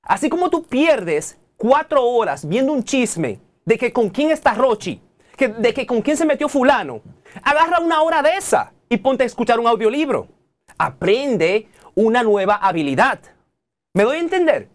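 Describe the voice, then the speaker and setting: A man in his thirties with a Dominican accent, a technology guest in a TV studio interview who talks in an animated, preachy way and keeps addressing the audience directly. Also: very high voice, moderate pace. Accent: Dominican Spanish. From Dominican Republic.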